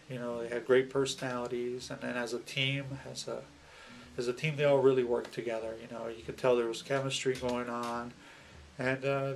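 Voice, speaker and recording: A man talking casually in a personal video log, halting and rambling, with pauses and repeated words. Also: mid-range voice, gravelly, slight background noise. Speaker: video blogger. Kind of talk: casual personal vlog talk to camera.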